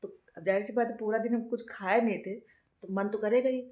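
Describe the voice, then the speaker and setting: A woman chats casually at home in a vlog while she is unwell with a fever. She tells her story at length and keeps breaking into laughter. Her voice sits at an ordinary middle pitch in a roomy, echoey room. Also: fairly even intonation, brisk, mellow. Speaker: vlogger, mother.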